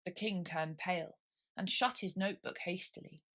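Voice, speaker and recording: A woman's voice: lowish voice, normal speed, fairly bright tone. A woman narrating a storybook expressively from a script. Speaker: storybook reader.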